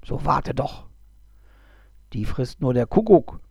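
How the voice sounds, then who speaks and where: Old storybook goblin, slow, gravelly and grumbling, read by a man. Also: medium pitch, big pitch swings, a little mellow, no room sound, studio quality, heavily acted. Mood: patient. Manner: unhurried, grumbling. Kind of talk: storybook reading.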